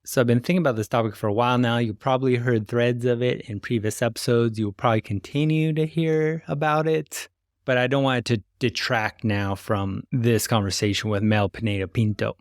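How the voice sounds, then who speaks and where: A man as podcast host, reading a measured, reflective scripted introduction. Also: medium pitch, fairly even intonation, dry recording, clean studio sound. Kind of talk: scripted narration.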